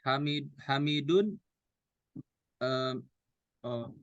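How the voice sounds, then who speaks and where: A man's voice: medium pitch, drawn-out words, no echo, dull audio. A man, a student in an Arabic class, answering hesitantly and correcting himself.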